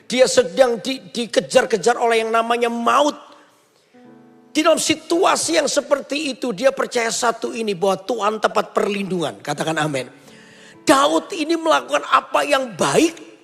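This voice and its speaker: High, gravelly-voiced man preaching a sermon. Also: moderate pace, fairly bright tone, big-room sound, faint music behind. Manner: emphatic, calls the congregation to say amen; passionate storytelling in a personal testimony.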